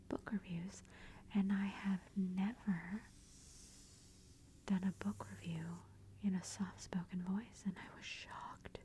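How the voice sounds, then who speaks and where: A woman speaking softly in a hushed, breathy near-whisper, gently and unhurriedly giving an ASMR book review. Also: on the low side, a little hiss or hum.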